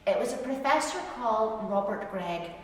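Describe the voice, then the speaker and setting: A woman's voice: a little high, animated, normal speed, a little hiss or hum. A woman with an Ulster Scots accent from Northern Ireland gives an informal talk explaining dialect words, chatting and putting questions to her listeners. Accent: Ulster Scots, Northern Irish. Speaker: presenter teaching dialect words. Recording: very echoey hall, distant microphone.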